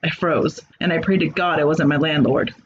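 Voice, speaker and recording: A man with a fairly high, steady voice reads a comic creepypasta at a moderate pace, his narration dry and sarcastic. The recording has its highs cut off and a little background noise.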